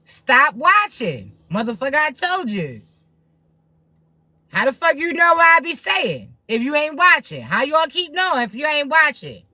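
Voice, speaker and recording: A woman's voice: high voice, very animated, measured pace, sharp tone, dry recording. A woman spiritual reader giving a blunt, profane, preachy pep talk to viewers on a livestream.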